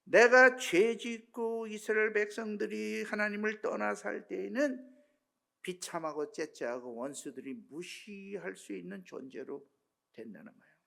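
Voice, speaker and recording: Gravelly older Korean pastor preaching. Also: male voice, high-pitched, unhurried. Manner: emotional storytelling, swinging between hushed and shouting. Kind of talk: sermon with personal testimony.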